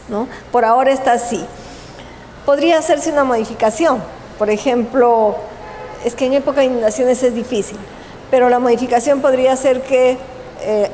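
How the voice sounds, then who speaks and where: A woman giving a conference presentation, explaining in a measured way with pauses and self-corrections. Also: on the high side, darkish tone, a little hiss or hum. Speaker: conference speaker. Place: conference hall. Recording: long hall reverb, faint ambience.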